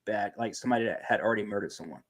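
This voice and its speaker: A man's voice: fairly low pitch, very fast. A man co-hosting a podcast, talking in a laid-back way and swearing casually as he recounts things. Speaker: podcast co-host. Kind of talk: casual chat.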